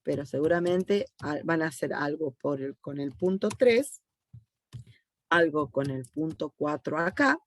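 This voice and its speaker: A woman's voice: low-pitched, expressive, a little slow. A woman with an Argentine accent teaching a class online, patiently walking students through code step by step and often checking that they follow. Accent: Argentine Spanish. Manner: patient, checks understanding with frequent "¿sí?". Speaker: university teacher.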